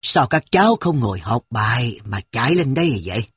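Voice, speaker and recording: A devout old grandmother from an audiobook, voiced by the reader. She scolds and soothes in a measured way, and her husky voice sounds close and dry. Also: medium pitch, very animated, dry recording, full character voice. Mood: scolding. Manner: scolding, gently reassuring. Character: kindly grandmother, devout and stern. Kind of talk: audiobook character voice.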